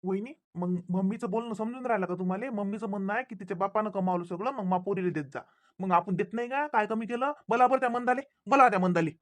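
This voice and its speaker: A performer voicing an angry adult son arguing with his mother in an animated comedy. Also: mid-range voice, natural voice. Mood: heated. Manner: rapid, heated arguing.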